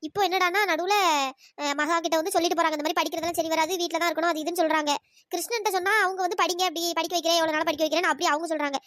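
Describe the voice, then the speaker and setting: A woman voicing a chatty, loyal young village woman in a cartoon, talking in fast coaxing, pleading bursts. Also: very high-pitched, steady tone, a bit bright, dry recording. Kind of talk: cartoon voice acting.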